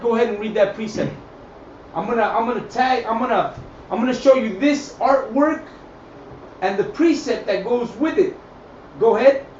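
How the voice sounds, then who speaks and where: A religious group's teacher, a man whose voice sits high and sounds a little mellow, gives an improvised scripture and history lesson. He's emphatic, repeats himself, and checks in with listeners, heard through a distant mic with echo, dullness, and faint noise.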